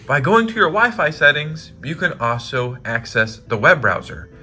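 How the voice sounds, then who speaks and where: Bright, chatty young-sounding man. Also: fairly high pitch, very animated, moderate pace, slightly rough, faint music behind. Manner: upbeat and chatty, heavy use of "like"; self-deprecating, laughs at own slips. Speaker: gaming YouTuber. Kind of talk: casual tutorial vlog.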